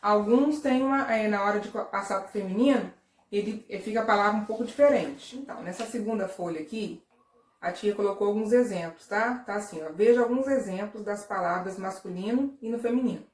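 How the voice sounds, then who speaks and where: A woman's voice: medium pitch, brisk. A Brazilian woman teaching a recorded lesson to young children, patient and repetitive, often checking "tá?". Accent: Brazilian Portuguese. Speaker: primary school teacher. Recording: echoey room, voice a bit far from the mic.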